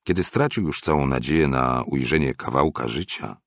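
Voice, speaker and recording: A man narrating a story aloud in a measured, expressive audiobook reading. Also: rumbling low, vocal fry, dry recording, studio quality.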